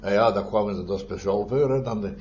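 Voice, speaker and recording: An older man with a lowish voice tells long, rambling stories in an oral history interview. He keeps adding little tag questions and soft chuckles. The recording is muffled, with a faint hiss underneath. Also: fairly quick. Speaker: former miner interviewee.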